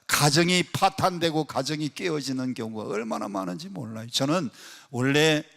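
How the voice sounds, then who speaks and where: A male pastor preaches in a fairly high voice, surging to loud, pressing peaks and then dropping to soft asides. He keeps quizzing the congregation with questions as he goes. He is heard through a microphone in a large worship hall with a long, ringing reverb. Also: normal speed, vocal fry. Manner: emphatic preaching with sharp swings between loud and soft. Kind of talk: sermon.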